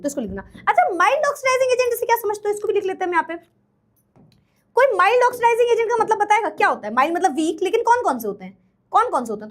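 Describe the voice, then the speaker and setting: High-voiced woman teacher, lively and teasing, lecturing an online class. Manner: animated, teasing, mimics students. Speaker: chemistry teacher.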